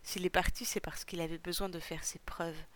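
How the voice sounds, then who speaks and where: A woman's voice: fairly low pitch, level tone, moderate pace, vocal fry. A woman reading the storybook role of a loyal, kind-hearted young fisherman who speaks earnestly and defends his friend.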